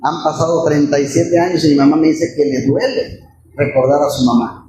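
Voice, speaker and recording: A man's voice: on the high side, steady tone, normal speed. A man preaching a sermon, telling a story with feeling and asking the congregation rhetorical questions. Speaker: pastor. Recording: very echoey church with faint room noise.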